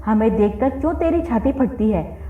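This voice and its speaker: A woman voicing a fierce, quarrelsome middle-aged village wife who scolds in a shrill, combative voice. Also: measured pace, close to an everyday voice. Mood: angry scolding. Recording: phone-like roomy audio with faint music.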